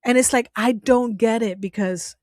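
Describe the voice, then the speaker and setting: A woman's voice: on the high side, normal speed, a little mellow, no room sound, clean studio sound. Profane, laughing woman vlog host. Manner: profane, incredulous, laughs often; rambling, with many restarts on spiritual topics. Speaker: channel host. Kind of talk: casual commentary vlog.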